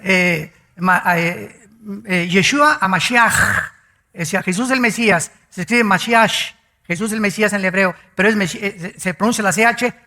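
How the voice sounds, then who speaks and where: Bright, high-voiced man preaching. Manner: emphatic preaching, drawing out key words slowly; addresses the congregation directly, asking them to note things down. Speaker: pastor. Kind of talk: sermon.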